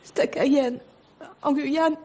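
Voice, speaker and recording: A woman's voice: sits high, steady tone, slow, darkish tone. An actress playing a young woman pleading for help to reach her injured boyfriend in a film scene. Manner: emotional, pleading. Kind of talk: film dialogue.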